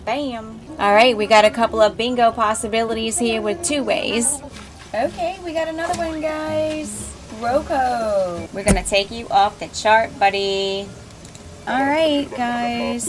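An excitable woman chatting her way through a video game as a creator, talking straight to her viewers. Her voice sits slightly high, and she bursts into squeals of delight when things go her way. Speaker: gaming YouTuber. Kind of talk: casual gameplay commentary.

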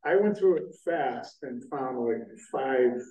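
A man's voice: mid-range voice, expressive, takes it slowly, warm tone. A man at a city board meeting asking pointed questions about details. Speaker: board member. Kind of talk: public meeting discussion. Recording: dull, echoey, distant mic.

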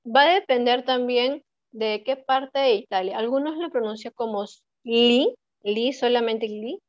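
A woman's voice: a little high, normal speed, no echo. A woman with a Peruvian Spanish accent teaching an online Italian class, patiently repeating words and checking that students follow. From Peru. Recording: dull, dry online-class audio.

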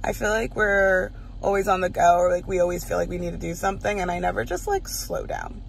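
A stay-at-home mom in her thirties from South Jersey, USA, chats with her viewers in a home cleaning vlog, moving from a parked car to her home. With an American accent, she sounds casual and encouraging and uses "like" a lot. Her low, gravelly voice is brisk with lively intonation, and the rough recording carries a little hiss or hum.

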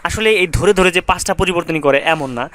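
A man's voice: high voice, fast, fairly bright tone. A young man teaching grammar in a casual, conversational lecture, with many fillers and rhythmic recitation of word lists.

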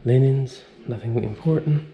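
A man's voice: medium pitch, normal speed, dark tone, dull audio. A man in his thirties, a vlogger giving an easygoing walkthrough of an abandoned house, talking to viewers. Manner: easygoing, talks straight to viewers. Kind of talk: casual walkthrough commentary. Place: empty abandoned house indoors. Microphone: handheld camera mic. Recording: echoey empty rooms, faint noise.

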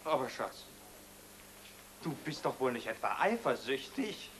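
An actor playing a nervous young fiancé in a 1970s stage farce, flustered and exasperated. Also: male voice, mid-range voice, sing-song, measured pace, fairly bright tone, slight background noise. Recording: stage recording with audience laughter.

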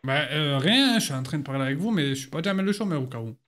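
Young streamer, twenties, playful mock-grumpy teasing, slightly high voice. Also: male voice, animated, fast, a bit bright. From France. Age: 20s. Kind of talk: casual live-stream chat.

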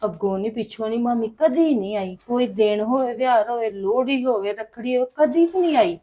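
A slightly high-voiced daughter-in-law played by a woman in a family drama. She chatters and gossips about the guest. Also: brisk, mellow, close to an everyday voice. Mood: gossipy. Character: busy daughter-in-law cooking, surprised by guest. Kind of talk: home-made family drama acting.

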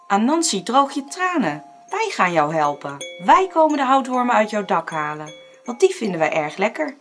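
A woman's voice: fairly high pitch, sing-song, normal speed, fairly bright tone, soft background music, pitched above the performer's own voice. A woman voicing a flock of small, kindly birds in a storybook reading, chirpy and caring.

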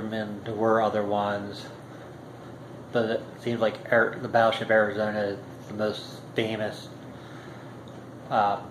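A man's voice: on the low side, a little hiss or hum. A man in his thirties, talking unscripted to the camera about history at home, hesitant with many ums and restarts. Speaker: history vlogger. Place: home kitchen indoors. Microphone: built-in camera mic at arm's length. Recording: roomy kitchen echo, faint ambience.

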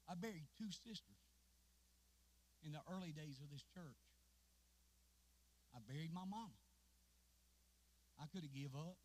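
A man preaching a sermon as pastor, repeating lines and building to shouted fervor. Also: on the high side. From West Virginia. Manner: rising to shouted fervor, repetitive. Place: church sanctuary.

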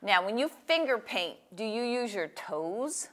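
Speaking at a measured pace, an older woman uses a fairly high, sing-song, fairly bright voice to read aloud and lead a young child through a craft. She keeps her phrases and questions simple and encouraging. She's at a table in a small room, recorded on a lapel mic with slight hiss or hum.

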